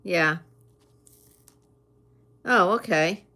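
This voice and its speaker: Slow-talking woman, casual chat. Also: fairly low pitch, pushed and bright. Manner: unhurried, pausing, conversational replies to listeners.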